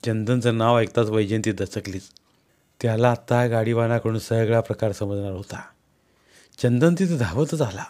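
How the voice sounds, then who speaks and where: A man reading a dramatic story aloud in a measured, dramatic narration. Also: fairly low pitch, dark tone. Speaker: audiobook narrator.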